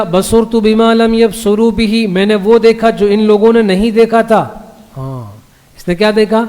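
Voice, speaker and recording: A man teaching a class on the Quran in a mosque. He reads each verse slowly, explains it, and keeps checking that his listeners follow. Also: sits high, a little mellow. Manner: recites the Arabic verses slowly before translating them. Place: mosque hall. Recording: long reverb of a mosque hall.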